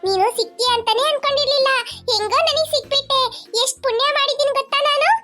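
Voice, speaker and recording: A woman's voice: very high-pitched, quick pace. A woman voicing a small, tender-hearted cartoon youngster who pleads and chants spells to call a jinn. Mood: overjoyed. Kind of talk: cartoon voice acting. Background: children's music.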